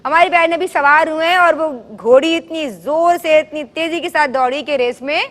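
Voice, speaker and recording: A woman hosting a children's program, telling stories and quizzing the kids, having them repeat the answers loudly. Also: high-pitched, big-room sound. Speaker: children's show host. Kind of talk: teaching children in call-and-response. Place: television studio with children.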